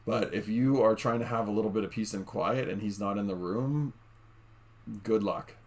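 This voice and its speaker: Voice on the low side, darkish in tone, moderate pace: a gaming YouTuber at home giving relaxed gameplay commentary. He chats right at his viewers, calls them "guys," and uses many fillers.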